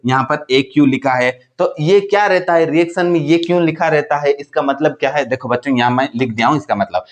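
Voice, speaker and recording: A man teaching a chemistry class, voice sitting a little high for a man. He keeps checking that his students follow. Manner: questioning, repeats checks for understanding. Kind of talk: classroom explanation.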